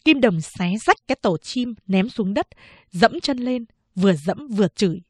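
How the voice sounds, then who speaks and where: A woman narrating a novel in a steady, measured storytelling manner on a close microphone. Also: mid-range voice, husky, no room sound. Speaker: audiobook narrator.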